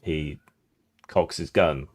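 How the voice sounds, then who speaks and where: A man's voice: very deep voice, steady tone, slow, darkish tone. A tired man running a tabletop game as game master, narrating with dry, understated humor.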